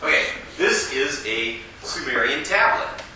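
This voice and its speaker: A man giving a casual, joking classroom lecture at a fast clip, recorded in a lecture hall. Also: medium pitch, lively intonation, pushed and bright, slight background noise. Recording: echoey hall, distant mic.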